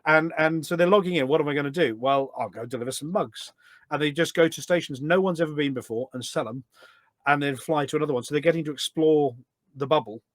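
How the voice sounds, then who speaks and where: A man with a slightly high voice talks fast, and there's no room sound. Guesting on a podcast while also presenting community radio, he chatters through rambling anecdotes, acting out quoted remarks as he goes.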